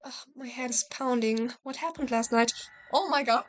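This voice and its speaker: Higher-voiced woman reading a game aloud. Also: normal speed, a little hiss or hum. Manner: casual, joking, swears and laughs at herself. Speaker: gamer playing a visual novel.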